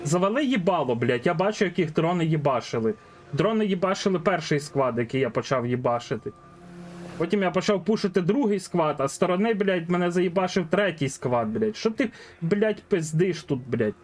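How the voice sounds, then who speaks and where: A man's voice: high-pitched, lively intonation, a little fast, a little hiss or hum. A man streaming a game, ranting at his chat and teammate with constant swearing in a Ukrainian accent. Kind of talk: angry gaming stream chat.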